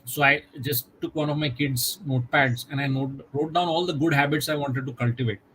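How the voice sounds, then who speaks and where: A middle-aged man, a guest in a conversational interview, speaking in a reflective, measured way with many "you know" fillers over a video call. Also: mid-range voice, steady tone, a bit bright, a little hiss or hum, rough recording.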